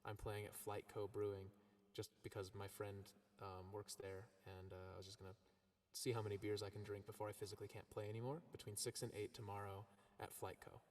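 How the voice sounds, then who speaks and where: A man's voice: on the low side, a little fast, few pauses. A man, a singer-songwriter, chatting casually between songs on a live stream, his voice drenched in an echo effect that sounds like a big cave, rambling with lots of ums. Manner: rambling, relaxed, filled with ums and likes.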